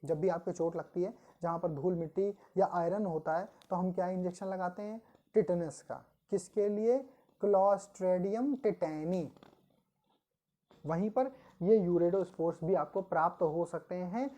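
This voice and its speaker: Biology coaching teacher, woman, mellow low voice, patient question-and-answer lecturing style. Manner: explains patiently, asks the class questions and answers them herself; reads English definitions slowly, then explains them. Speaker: biology exam-prep teacher. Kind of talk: online coaching lecture in Hindi mixed with English terms.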